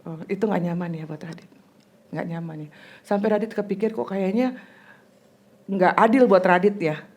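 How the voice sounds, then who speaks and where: Woman host of a casual family podcast: mid-range voice, soft and patient questioning, frequent small pauses. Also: mid-range voice. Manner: gentle, probing questions with frequent hesitations. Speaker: podcast host interviewing her child.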